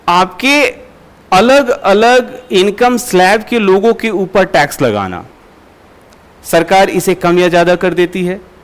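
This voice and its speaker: A man teaching a lecture class, asking students questions and explaining with everyday examples. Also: high voice. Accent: Hindi. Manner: asks students questions and answers them; uses homely everyday examples.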